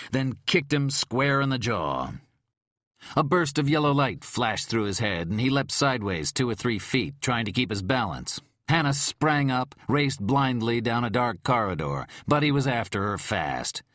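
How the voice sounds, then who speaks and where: A man narrating an audiobook thriller in a measured, dramatic storytelling manner. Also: mid-range voice, a bit bright, dry recording, clean studio sound.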